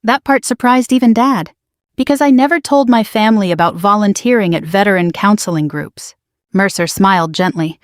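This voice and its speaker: A woman narrates a first-person story in a measured, quietly dramatic way. Her voice sits at an ordinary middle pitch. The recording is close and dry, with no room sound. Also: dry recording.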